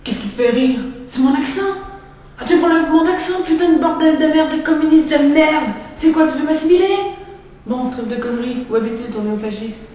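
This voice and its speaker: A woman's voice: on the high side, little pitch movement, quick pace, mellow, reverberant, a little hiss or hum, close to an everyday voice, low-quality recording. A woman with a French accent playing a drunk punk who rants with scorn and swears constantly. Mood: angry. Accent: French from France. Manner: foul-mouthed, scornful ranting. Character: drunk foul-mouthed punk woman from France. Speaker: punk character. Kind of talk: amateur film acting.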